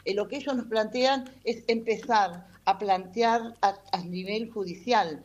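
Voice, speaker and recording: A patronato representative, a woman, answers radio-style interview questions, explaining a legal matter with many hesitations and fillers such as "este". She speaks a little slowly in a mid-range voice. The highs are cut off.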